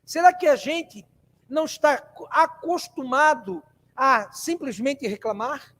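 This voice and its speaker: A Brazilian man delivers a spiritist talk in a meeting hall, his voice unusually high. He talks conversationally, poses questions to his listeners and repeats phrases to drive points home. The sound carries a long reverb from the room. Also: takes it slowly, a bit bright. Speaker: spiritist lecturer. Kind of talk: spiritist lecture to a live audience.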